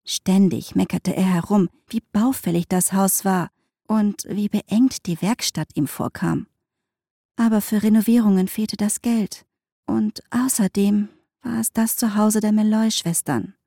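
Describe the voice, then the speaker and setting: A woman reads a novel aloud in an even, measured storytelling voice. Her tone is dark and mellow, and the recording is close and dry. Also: mid-range voice, no echo. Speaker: audiobook narrator. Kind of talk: scripted narration of a novel.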